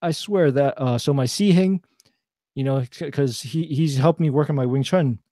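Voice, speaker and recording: A man's voice: mid-range voice, normal speed, mellow, no room sound, studio quality. A young man chatting casually on a podcast, rambling with many fillers and restarts. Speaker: podcast co-host. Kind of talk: casual chat.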